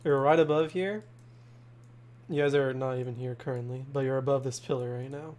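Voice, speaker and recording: A man narrating a tabletop game as game master, describing scenes in a halting way full of fillers. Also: mid-range voice, steady tone, darkish tone.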